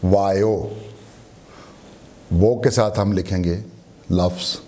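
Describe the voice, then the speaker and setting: A man's voice: sits low, steady tone, takes it slowly, warm tone. A man with a Pakistani Urdu accent teaching a beginner language lesson, repeating each word and its meaning.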